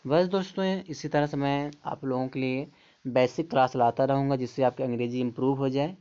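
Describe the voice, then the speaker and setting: A man giving an English phonics lesson, slowly sounding out and repeating words, patiently explaining each one. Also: mid-range voice, steady tone, mellow, smooth. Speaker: English teacher. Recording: dull lo-fi sound.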